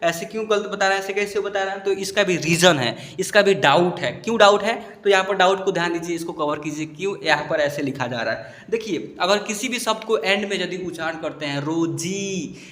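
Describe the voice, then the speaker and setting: A man teaching students to read English spellings, spelling each word out slowly and asking if they understood. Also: high voice, a bit bright. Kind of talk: explaining a lesson to students. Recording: echoey room.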